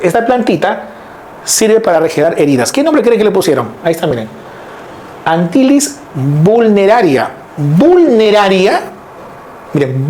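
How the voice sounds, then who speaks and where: Male teacher, middle-aged, high voice; lively classroom lecture, keeps checking in with students. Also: slight background noise. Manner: lively, explains step by step, keeps checking in with listeners. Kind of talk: classroom lecture on word roots.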